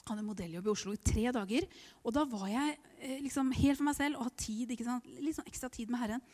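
A middle-aged woman with a fairly high but darkish voice preaches her personal testimony in a hall with noticeable reverb. She is emotional, laughing through tears and dropping to a whisper at times.

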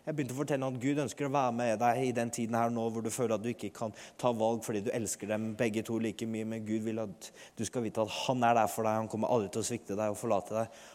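A man telling a lively testimony as a sermon, acting out the people he quotes. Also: on the low side. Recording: long hall reverb.

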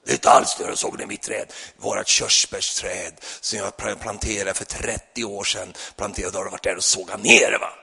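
A man voicing a huge, furious male neighbor who swings from bellowed insults to low threats, heard in an echoey church hall. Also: fairly even intonation, creaky, hardly any pauses, bright, forceful tone, heavily acted. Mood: low menace.

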